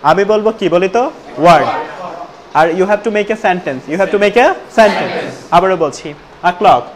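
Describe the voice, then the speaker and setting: Guy teaching english to a full class, high voice, keeps saying again? and drawing out example sentences, loud crowd noise all around. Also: animated. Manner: drills a class with repeated prompts, slows right down to model sentences. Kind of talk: classroom lesson with call-and-response drills. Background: students answering in chorus.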